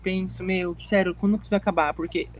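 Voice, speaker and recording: A young man, chatting casually in a lively, playful way. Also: high-pitched, quick pace, soft background music. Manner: animated, playful, lots of slang fillers. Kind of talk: casual chat.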